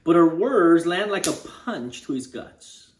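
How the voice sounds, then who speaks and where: A male pastor retelling a scripture story as dramatic sermon storytelling, vivid and dropping to hushed tones. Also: on the high side, animated, slow, slight background noise. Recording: roomy echo.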